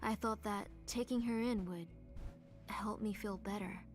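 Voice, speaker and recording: A woman playing a grieving, obsessed villain mother in a video game, delivering a measured, brooding monologue that slips toward breathy near-whispers. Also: mid-range voice, fairly even intonation, soft background music, close to an everyday voice. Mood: haunted.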